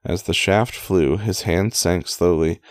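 A man reading an old story aloud in a casual, halting way, with restarts and offhand asides. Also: sits low. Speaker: amateur reader.

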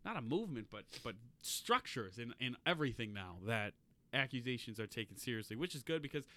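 A man's voice: mid-range voice, big pitch swings, fairly quick, bright, forceful tone, slight background noise. A young man co-hosting a podcast, talking in a hesitant, rambling way and laughing often. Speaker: podcast co-host. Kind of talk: casual chat.

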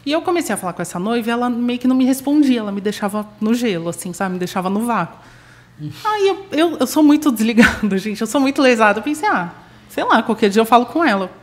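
A woman with a somewhat high voice tells a story in casual chat. She acts out both sides of the conversation as she goes. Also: expressive, fast. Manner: chatty storyteller, acts out quoted dialogue. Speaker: guest, bouquet preservation artisan.

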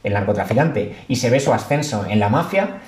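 A man's voice: fairly low pitch, lively intonation, brisk, a little mellow, slight background noise. Rambling man in echoey room. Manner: rambling, filler-heavy storytelling. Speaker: podcast guest. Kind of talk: casual podcast chat.

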